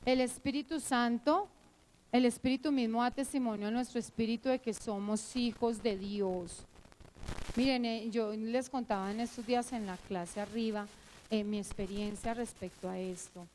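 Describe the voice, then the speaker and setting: A middle-aged woman preaching at church, telling her own testimony in an emotional, animated way with many fillers. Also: a little high, normal speed, slight background noise, rough recording. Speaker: church teacher. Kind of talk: sermon with personal testimony.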